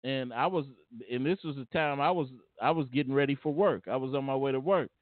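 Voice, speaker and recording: A man's voice: mid-range voice, a little fast, dry recording. Man on a tinny line. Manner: earnest, repeats and restarts phrases. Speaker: vlogger. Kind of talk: casual storytelling monologue. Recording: tinny phone-like dry sound.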